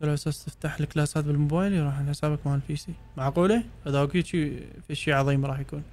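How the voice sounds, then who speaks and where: A man's voice: fairly high pitch, steady tone, very fast, darkish tone. A young man with an Iraqi Arabic accent, chatting casually on a live gaming stream and answering viewers' questions.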